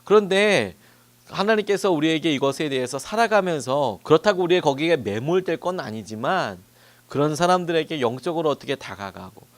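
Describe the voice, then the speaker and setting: A man preaching a dawn-service sermon as a pastor, telling stories in a conversational way. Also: mid-range voice. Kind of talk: sermon at a dawn prayer meeting.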